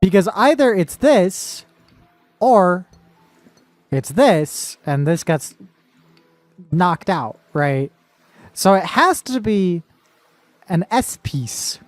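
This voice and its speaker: A woman's voice: lowish voice, sing-song, extremely slow, pauses often, no echo, faint music behind. A woman streaming a puzzle game, talking playfully through her moves and swearing casually. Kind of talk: casual live gameplay commentary.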